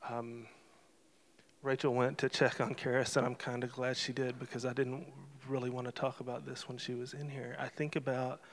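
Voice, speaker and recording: A man's voice: medium pitch, level tone, normal speed. A middle-aged man speaking at a church service, closing it with an earnest, emotional, personal talk. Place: church sanctuary. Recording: long hall reverb in a sanctuary.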